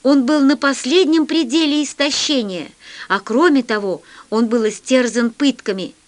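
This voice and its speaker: A woman reading a children's story aloud with expressive storytelling. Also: sits high, moderate pace. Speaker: narrator.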